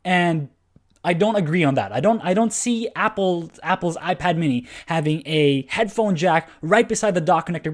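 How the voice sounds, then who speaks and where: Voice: mid-range voice, a little mellow. A tech podcast host giving casual solo news commentary, rambling and self-correcting with lots of fillers, laid-back and chuckling at their own tangents.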